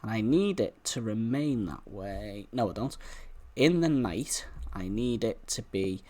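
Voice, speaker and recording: A man's voice: lowish voice, animated, a little slow, dark tone. A man giving casual let's-play commentary, chattily explaining each move as he plays. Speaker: gaming YouTuber.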